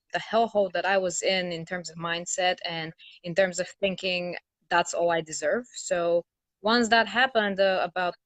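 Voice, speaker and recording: A Bulgarian woman, a brand strategist appearing as an interview guest, tells her story candidly and sardonically, swearing freely. Her voice is lowish with a fairly bright tone, and the recording is dry.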